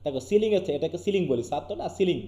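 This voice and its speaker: A man's voice: on the high side, lively intonation, very fast, dark tone, roomy sound. A man with a Bangladeshi Bengali accent teaching an online English class, often asking his students questions. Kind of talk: live online class lecture.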